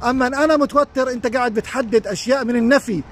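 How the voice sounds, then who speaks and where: A man's voice: very high voice, rapid-fire, a bit bright, a little hiss or hum. A man with a Levantine Arabic accent gives earnest advice as a life coach on a live stream, speaking outdoors beside a lake into a phone. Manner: earnest, advising, addresses viewers directly.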